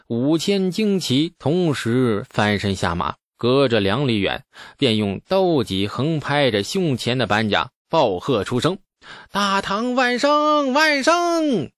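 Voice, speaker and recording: A man narrating a historical novel as an audiobook in a steady storytelling manner. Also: mid-range voice, no room sound, studio quality. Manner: steady storytelling with asides to listeners.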